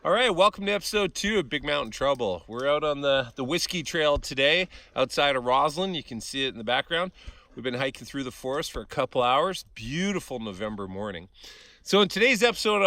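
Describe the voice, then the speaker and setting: A middle-aged vlog host and fiction creator rambles conversationally to viewers while out on a forest hiking trail. His medium-pitched voice sounds pushed and bright, and the recording is dry.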